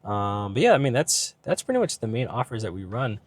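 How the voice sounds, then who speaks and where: Low-leaning, very animated, and brisk, a man's voice comes through with no echo as he vlogs casually about business in his car. He's ill and his voice is starting to go; he rambles with many fillers and asides and keeps asking "right?"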